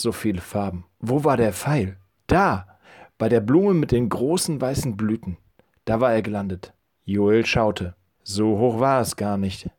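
Friendly pastor talking to children. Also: male voice, lowish voice, darkish tone, slightly rough. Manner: friendly, addresses children directly. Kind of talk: children's church audio and storytelling.

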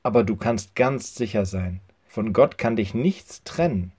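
Casting: Mann als gütiger, ruhiger Prediger, sanft und bedächtig, Bibelgeschichte für Kinder. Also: male voice, on the low side, a little slow, darkish tone, slightly rough. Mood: gentle. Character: calm, kind male teacher Jesus.

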